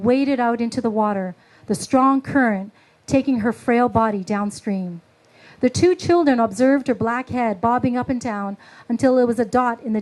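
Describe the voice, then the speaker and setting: A woman author slowly reading her own prose at a book launch, after a halting, filler-filled introduction. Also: fairly high pitch, a little mellow, rough recording. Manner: halting, filler-heavy speech between readings; slow, measured literary reading.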